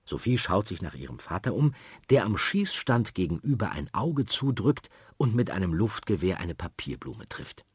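Lively, husky male storyteller. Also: low-pitched, normal speed, dry recording, clean studio sound. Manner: lively and expressive. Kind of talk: children's story reading.

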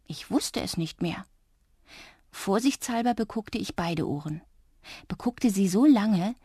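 A woman reads a children's story aloud in a lively first-person voice. She often sinks to a soft, near-whispered hush, and her voice sits at a medium pitch. The recording is dry and close. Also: slightly rough, dry recording. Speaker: narrator. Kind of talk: children's audiobook narration.

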